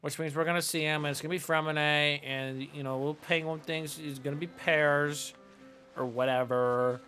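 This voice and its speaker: A man's voice: fairly high pitch, fairly even intonation, moderate pace, sharp tone, smooth, soft background music. A man streaming a game, chatting casually in a rambling, self-mocking way. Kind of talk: casual gameplay commentary.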